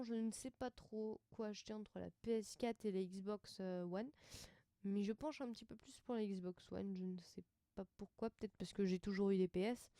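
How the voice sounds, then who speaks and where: A woman's voice: a little high, warm tone, smooth, dry recording, clean studio sound. Rambling chatty woman radio host. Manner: rambling, hesitant, many fillers, laughs easily. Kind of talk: casual live radio chat.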